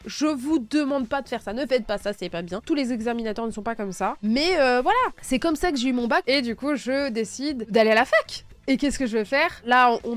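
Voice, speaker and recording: A young woman telling her life story in a candid, sarcastic storytime monologue, laughing often. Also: a little high.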